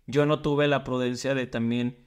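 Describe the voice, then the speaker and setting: A man's voice: medium pitch, level tone, moderate pace, clear, resonant tone. A man co-hosting a casual podcast, telling stories in a reflective, meandering way. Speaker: podcast co-host.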